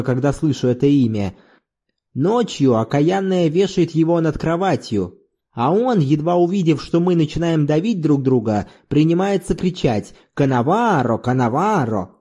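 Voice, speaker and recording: A man's voice: a little high, expressive, moderate pace, dark tone. A man reading an audiobook in the voice of a lusty, boisterous old laborer who talks in earthy exclamations. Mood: exuberant.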